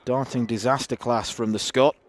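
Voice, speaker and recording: A man's voice: medium pitch, steady tone, normal speed, a little hiss or hum. A man giving live darts commentary in a conversational way, with wry observations.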